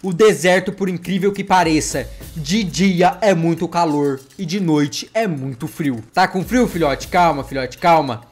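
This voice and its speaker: A man's voice: a little high, a little slow, faint music behind. Theatrical gamer man telling a wolf story. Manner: dramatic storytelling, mock crying, playful exclamations. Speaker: gameplay vlogger voicing his wolf character. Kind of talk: role-play narration of a survival game.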